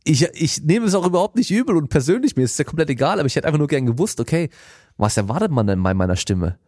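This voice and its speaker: A man's voice: a little high, sing-song, fast talker, darkish tone, no echo, clean studio sound. A young man hosting a podcast, telling a story in casual slang and acting out quoted lines, recorded seated at a podcast microphone. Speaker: podcast host. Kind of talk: casual monologue. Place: home studio, seated.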